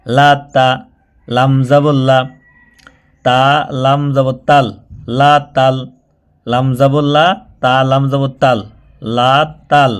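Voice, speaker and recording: A man teaching Quran reading. He spells out syllables slowly and patiently, repeating them and drawing them out as he demonstrates. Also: mid-range voice, flat delivery, clear, resonant tone. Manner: patient, repetitive, slows down and draws out syllables when demonstrating. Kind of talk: spoken tutorial, spelling out and chanting syllables.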